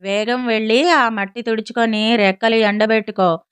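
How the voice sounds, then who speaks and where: A woman voicing a hungry, impatient dog in a storybook, gruff and barking, a little lower than her narration. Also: steady tone, normal speed, natural voice.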